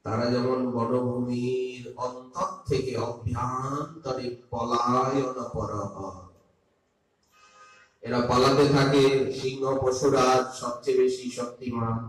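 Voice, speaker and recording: An older man giving a Vaishnava sermon on scripture, slow and emphatic, dropping from loud to soft, sometimes chanting Sanskrit verses. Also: mid-range voice, flat delivery. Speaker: Vaishnava preacher. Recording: echoey hall, voice from a distance, faint hum.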